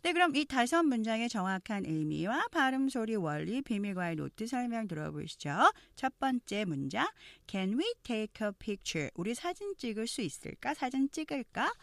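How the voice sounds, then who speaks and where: In a clean studio recording with no room sound, a woman with a slightly high, very animated, creaky voice teaches English pronunciation in an online lesson. She walks through each point step by step, giving slow, exaggerated model readings of English phrases and coaching learners to repeat after her.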